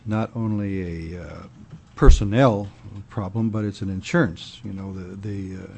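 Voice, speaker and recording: A man's voice: on the low side, fairly even intonation, a little slow, gravelly, mellow, slight background noise. A man speaking as a senator in formal committee questioning, with hesitant, politician-like phrasing that he reworks as he goes. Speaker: state senator.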